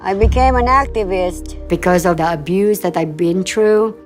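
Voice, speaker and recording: A woman's voice: medium pitch, normal speed, faint music behind. A woman caregiver speaking in a heartfelt, grateful way in a documentary interview.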